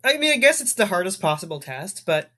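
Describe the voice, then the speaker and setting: A woman co-hosting a podcast in casual chat, reacting quickly with wry jokes. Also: medium pitch, very animated, fairly bright tone. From Canada. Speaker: podcast co-host.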